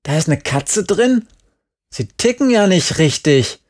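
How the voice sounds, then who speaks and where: A man's voice: on the high side, unhurried, voice pushed up. A man doing a brash, foul-mouthed young girl. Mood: outraged. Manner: sharp, blunt exclamations. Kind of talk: audiobook character voice.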